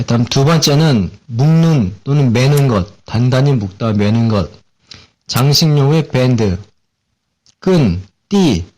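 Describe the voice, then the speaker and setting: In a casual, relaxed lesson, a man with a Korean accent explains English vocabulary in a medium-pitched voice. Fillers and repeated words come up a lot.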